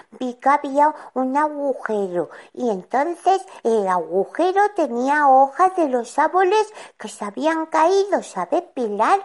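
A woman's voice: high-pitched, heavily acted. A woman voicing a chatty, stubborn little boy who tells a children's-show story and acts out every voice in it. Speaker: child character.

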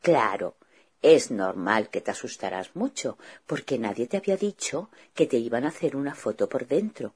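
A woman's voice: very deep voice, animated, normal speed, a little mellow, breathy edge. A woman hosting a children's show who patiently reassures a child character and explains things simply.

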